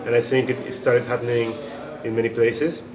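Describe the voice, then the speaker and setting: A man's voice: mid-range voice, little pitch movement, fairly quick, crowd noise. A man from Chile, a band member being interviewed, talking casually and rambling with many restarts and fillers. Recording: echoey room with noisy ambience.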